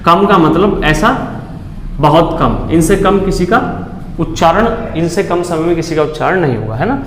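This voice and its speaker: Male teacher, slightly high voice, drilling students with his own question-and-answer patter, echoey room. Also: animated, moderate pace, fairly bright tone. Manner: repeats questions and answers them himself, checks understanding often. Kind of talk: exam-prep Hindi grammar lesson. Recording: echoey room with long reverb and faint background noise.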